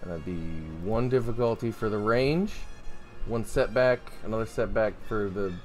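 A man's voice: lowish voice, moderate pace, faint music behind. A man acting as game master, narrating a tabletop game in a casual, profane way while thinking aloud.

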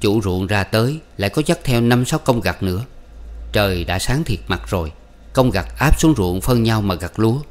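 Lower-voiced male audiobook narrator. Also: lively intonation, moderate pace. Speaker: audiobook reader. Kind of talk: scripted narration of a classic novel.

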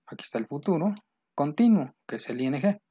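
A man's voice: fairly high pitch, lively intonation, brisk, warm tone, husky, muffled recording. A man teaching an English grammar lesson, drilling examples over and over and asking his students rhetorical questions.

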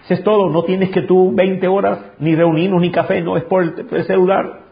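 A male pastor preaching an impassioned sermon, swinging from high, forceful peaks down to low, intimate tones. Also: flat delivery, moderate pace, creaky. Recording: dull lo-fi sound.

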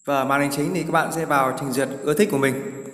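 A man's voice: on the high side, steady tone, fast talker, a bit bright. A man hosting a casual tutorial, chatting through each step of a screen recording. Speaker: tutorial host. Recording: roomy with long reverb.

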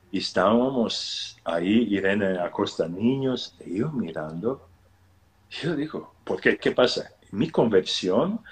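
Lively low-voiced man telling a story. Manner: animated, quotes people in lively voices, laughs often. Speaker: interview guest, pilgrimage organizer. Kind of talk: casual storytelling over video call. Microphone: phone or laptop on a video call.

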